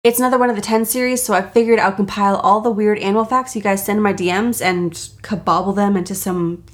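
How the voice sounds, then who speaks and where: A woman hosting a casual, jokey solo podcast, self-deprecating and sweary, with a raspy voice, audible vocal fry and a sore throat. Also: mid-range voice, fairly even intonation, fast. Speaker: podcast host.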